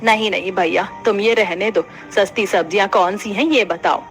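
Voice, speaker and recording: A woman voicing a stingy older mother-in-law in an animated family story, bossy and scolding. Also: medium pitch, moderate pace, soft background music, close to an everyday voice. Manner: scolding, penny-pinching.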